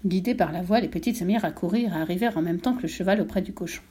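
A woman narrating a children's storybook in a steady, clear reading voice. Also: on the low side, rapid-fire.

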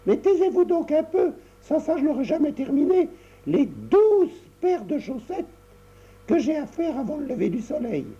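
A man's voice: very animated, normal speed, mellow, exaggerated voice. A man voicing a serious, impatient little girl who knits, in a storybook reading. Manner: shrill and bossy. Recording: dull lo-fi recording.

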